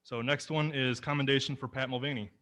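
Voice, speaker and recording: A man chairs a school board meeting, moving through motions and agenda items in a brisk, procedural way. His voice is bright and forceful. He keeps things short and businesslike. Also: medium pitch, steady tone.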